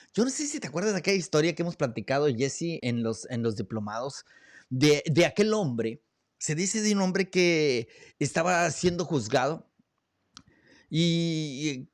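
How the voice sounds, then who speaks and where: A man hosting a reflective talk, earnest, asking rhetorical questions, with pauses and fillers, on a studio microphone. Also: on the high side, no echo. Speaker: host. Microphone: studio broadcast mic.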